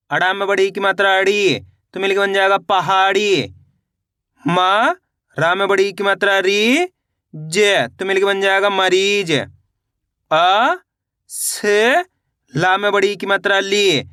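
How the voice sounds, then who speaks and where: Man, reading teacher, high pitch, crisp clear voice, slow syllable-by-syllable spelling, dry recording. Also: sharp tone, no echo. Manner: slow syllable-by-syllable, repeats questions to viewers.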